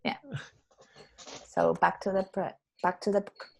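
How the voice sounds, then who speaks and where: Patient woman teacher with a gravelly voice. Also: on the low side, level tone, slight background noise, poor audio. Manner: patient, explains slowly, checks understanding with "yeah?". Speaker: English teacher. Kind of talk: online English lesson.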